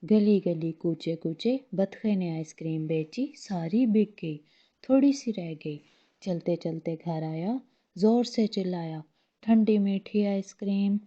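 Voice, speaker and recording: A woman's voice: fairly low pitch, slow pace, warm tone. A woman narrating a children's bedtime story in a rhythmic, rhyming way, in a slightly dull lo-fi recording.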